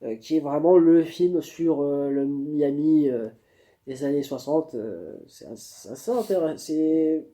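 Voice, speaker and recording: A man's voice: fairly high pitch, measured pace, mellow. A man giving a spontaneous face-to-camera book review, hesitating often with fillers and restarts. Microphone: camera mic.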